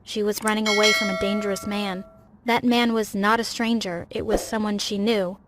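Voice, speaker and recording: A woman voicing a grieving middle-aged father who confesses in a shaky, remorseful way, as part of a read-aloud animated story. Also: medium pitch, moderate pace, a little hiss or hum, lightly acted.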